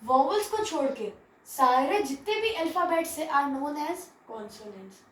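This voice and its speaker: Slow and expressive, a woman's high-pitched, fairly bright voice leads a classroom grammar lesson mixing Hindi and English. She answers her own rhetorical questions and keeps checking in with "theek hai." She's recorded at a distance in an echoey room, with a little hiss or hum.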